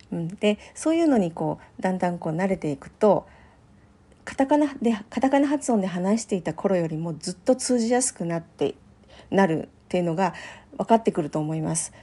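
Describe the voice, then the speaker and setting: A middle-aged woman hosts her own podcast, talking alone. Her voice is mellow and warm, never bright. She speaks in a gentle, chatty way and fills her pauses with small hesitations. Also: on the low side, husky. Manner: gentle, chatty, many fillers. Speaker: podcast host. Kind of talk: solo podcast talk.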